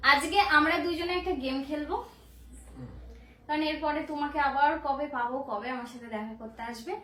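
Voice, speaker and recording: A woman's voice: high-pitched, fairly even intonation, a little fast, bright, forceful tone, distant mic. A woman, chatting and teasing as she hosts a casual vlog, explaining things at length. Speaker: vlogger. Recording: echoey room with faint noise.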